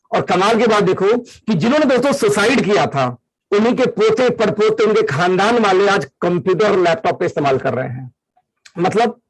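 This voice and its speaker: A man's voice: high-pitched, no room sound, rough recording. A man presenting a business plan in a live online meeting, upbeat, mixing English phrases into his Hindi. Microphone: computer mic in a video call.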